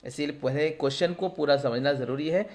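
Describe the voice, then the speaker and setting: A man's voice: a little high, a little mellow. A male teacher explains test questions, asking and answering his own questions and glossing terms in English. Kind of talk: exam prep lesson.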